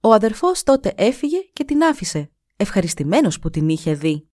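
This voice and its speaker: A woman narrating a folk tale in a scripted, animated way. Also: mid-range voice, no room sound, clean studio sound. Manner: animated, shifts into voices. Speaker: storyteller.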